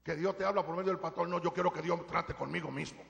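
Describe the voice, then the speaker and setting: A man, an evangelist, preaching a live sermon, moving between shouted emphasis and quiet storytelling, in a large church. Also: a little high, fairly even intonation, quick pace, gravelly, dull audio. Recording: live church hall reverb.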